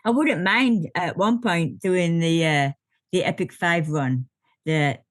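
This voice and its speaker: A woman's voice: lowish voice, slow pace, no echo. A woman in her late fifties, a podcast guest, chatting casually and laughing often, with lots of fillers, over a video call. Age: 50s. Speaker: podcast guest, ultra triathlete. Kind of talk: casual interview chat.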